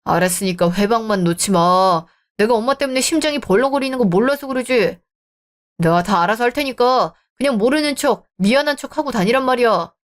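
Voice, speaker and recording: A greedy, scheming ex-husband, voiced by a woman in a radio drama. He blusters and brushes people off, his voice a little higher than expected. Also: lively intonation, brisk, lightly acted. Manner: blustering, dismissive. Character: greedy scheming divorced husband, young adult man.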